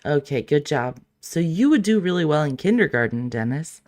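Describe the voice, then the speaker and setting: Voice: mid-range voice, big pitch swings, normal speed, darkish tone. Sarcastic commentary show host. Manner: mocking, sarcastic, swears. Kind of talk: casual sarcastic reaction commentary.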